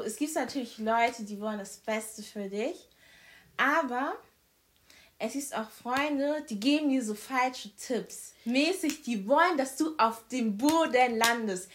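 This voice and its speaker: A young woman guest with a very loud voice, talking emphatically in quick bursts in a casual podcast chat. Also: fairly high pitch, expressive, slight background noise. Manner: emphatic, quick bursts, says "ich schwör".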